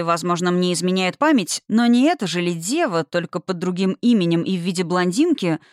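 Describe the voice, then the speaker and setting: A sarcastic aristocratic lord, voiced by a woman reading a storybook, smooth and mock-mournful. He speaks at a middling pitch, and the close recording is dry with no room sound. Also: no echo, natural voice.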